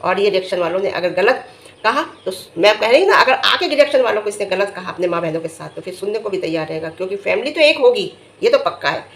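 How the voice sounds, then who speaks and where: A middle-aged woman giving casual vlog commentary, emphatic and scolding, her voice jumping high when she gets indignant. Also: expressive, fast, fairly bright tone. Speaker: vlogger reviewing family vlogs. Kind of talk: casual talking-head commentary.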